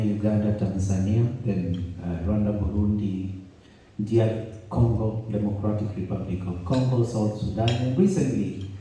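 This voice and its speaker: This is a conference opening speech from a Kenyan journalist and event host, who jokes and chats his way through with many restarts. His voice is lowish and dark in tone. The mic is set back in a spacious conference room, so he sounds far away.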